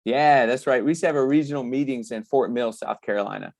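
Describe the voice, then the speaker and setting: A man speaks at a middle pitch in a dry, close sound, with the slight lisp of missing front teeth. He tells personal stories to an audience in a casual, conversational way, repeating words and voicing the people he quotes. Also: fast talker, vocal fry, a little mellow, no room sound. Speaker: guest speaker.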